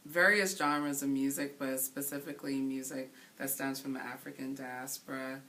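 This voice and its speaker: Interview guest: woman DJ in her 30s from Haiti, unusually deep voice, earnest and reflective, recorded a little off-mic with light hiss. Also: little pitch movement, bright, forceful tone. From Haiti, raised in the Bronx. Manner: thoughtful, earnest, pausing to find words. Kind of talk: casual interview. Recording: voice somewhat distant from the mic, faint hiss.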